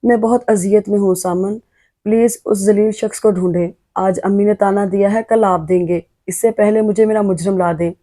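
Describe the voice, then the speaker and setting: Woman reading a hurt young wife, teary and stubborn, warm mellow voice, audio novel. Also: medium pitch, fairly even intonation, normal speed, no room sound, studio quality, close to an everyday voice. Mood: pleading. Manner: tearful, insistent. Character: young wife, wronged, tearful and defiant.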